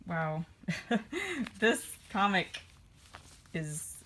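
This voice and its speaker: A woman's voice: lowish voice, drawn-out words, fairly bright tone, a little hiss or hum. A woman vlogger rambling casually while flipping through her old comics, with dry offhand asides. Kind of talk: casual vlog chat.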